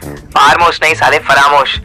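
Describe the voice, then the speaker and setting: A man voicing a cocky young friend who teases in quick, slangy talk. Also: fairly high pitch, steady tone, pushed and bright. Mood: teasing. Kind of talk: audio story dialogue.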